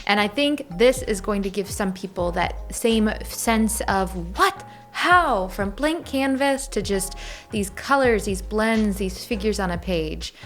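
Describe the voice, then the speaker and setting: A woman's voice: medium pitch, unhurried, faint music behind. A woman co-hosting a casual chat, playful and teasing as she talks. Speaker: co-host.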